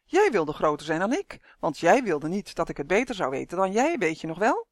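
A reader doing a smug know-it-all giant, booming and teasing, plain middle pitch, dry sound. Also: huge pitch swings, a little fast, no echo. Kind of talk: storybook reading.

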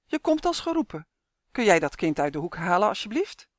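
A woman's voice: lowish voice, brisk, dry recording, clean studio sound, natural voice. A woman playing a kindly, practical baker woman. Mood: cheerful.

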